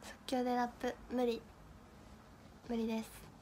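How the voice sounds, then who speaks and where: Young woman, high voice, giggly, playful livestream chat, answering viewer comments. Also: completely flat delivery, moderate pace, dark tone, a little hiss or hum. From Miyagi, Japan. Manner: giggly, playful, stumbling through tongue twisters. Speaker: idol livestream host.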